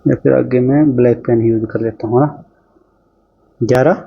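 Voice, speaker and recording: Brisk chatty male math tutor. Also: mid-range voice, fairly even intonation, creaky, slightly rough, narrow, tinny audio. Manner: brisk, chatty, talks while solving on screen. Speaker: teacher. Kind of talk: exam-prep math lesson.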